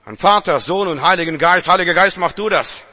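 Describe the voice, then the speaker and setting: A male preacher delivering a sermon with a bright, forceful edge to his voice. He pitches a little high for a man and fires rhetorical questions at his listeners. He swings between loud exhortation and hushed, intense passages. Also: fairly quick.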